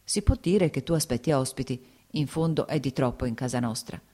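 A woman voicing Dolly, an agitated aristocratic mother in a read-aloud novel, scolding and quick to emotion. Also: a bass voice, warm tone. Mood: confiding.

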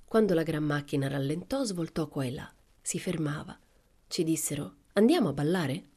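A woman narrating a novel for an audiobook in a calm, measured way, with soft whispered asides. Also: low voice. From Italy. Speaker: audiobook reader.

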